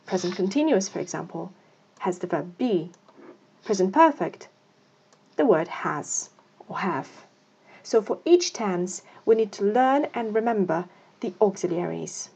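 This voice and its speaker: A woman's voice: medium pitch, warm tone, slightly rough, highs cut off. A woman teaching an English grammar lesson. She explains patiently, step by step, and reads example sentences aloud.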